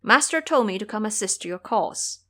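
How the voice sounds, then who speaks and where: A woman's voice: mid-range voice, expressive, moderate pace, fairly bright tone. A woman voicing a loyal, earnest male monk disciple with a plain, dutiful manner in an audio drama.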